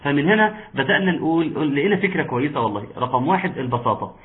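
A man with an Egyptian Arabic accent teaching an online Quran recitation lesson, patiently explaining and slowly modeling sounds for his students. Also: fairly high pitch, animated. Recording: tinny phone-like line.

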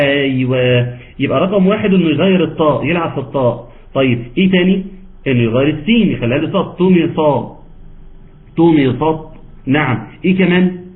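A man with an Egyptian accent teaching Quran recitation in an online class, asking students questions and teasing them patiently. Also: a little high. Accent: Egyptian Arabic. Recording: tinny phone-like call audio.

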